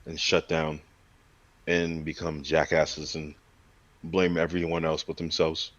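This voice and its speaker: A man asking questions in a relaxed, joking way while eating. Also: a bass voice, slow pace, dull audio. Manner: easygoing, joking, eats while talking. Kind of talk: casual chat.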